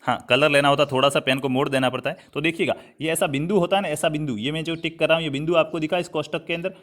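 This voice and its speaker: A man's voice: on the high side, steady tone, fast talker, a bit bright. A man from Rajasthan, India, teaching a Hindi grammar class online, repeating points and checking in with his students as he writes on a digital board. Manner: repetitive, checks in with "thik hai" often; addresses students as "saathiyon" and "bhai". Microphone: writing on a digital board while talking.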